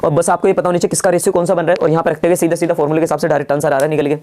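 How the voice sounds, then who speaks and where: Rapid-fire man teaching math. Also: a little high, level tone, a little mellow, slight background noise. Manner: rapid, quizzes listeners with rhetorical questions; keeps calling listeners "guys". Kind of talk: online math lesson.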